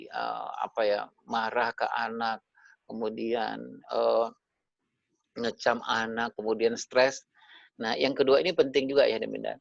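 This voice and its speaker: A man with a gravelly, creaky voice talks parents through a webinar over a video call. He addresses them directly and sprinkles tag fillers between his points. The sound is dull and lo-fi, with a dry, close feel. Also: medium pitch, no echo. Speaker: parenting speaker.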